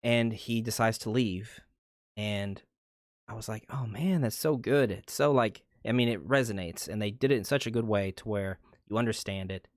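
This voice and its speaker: A young man giving a casual, rambling movie review, excitable and swearing freely. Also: fairly low pitch, normal speed, dry recording, clean studio sound. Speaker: channel host.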